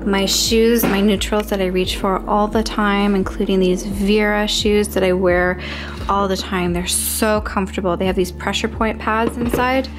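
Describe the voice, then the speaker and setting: A young woman from Canada talks her viewers through a closet clean-out in a relaxed, chatty way. She fills her sentences with ums and small laughs as she moves around the room. Her voice sits at an everyday middle pitch. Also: moderate pace, music in the background. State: out of breath. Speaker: lifestyle vlogger. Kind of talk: casual vlog narration. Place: home closet and bedroom.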